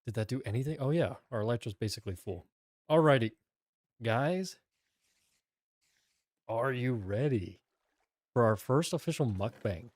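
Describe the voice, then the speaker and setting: A man's voice: medium pitch, animated, measured pace, pauses often, darkish tone, no echo. A man streaming a game, chatting casually with his chat and eating a meal at his close desk mic. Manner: chatty, eats on mic while talking to chat.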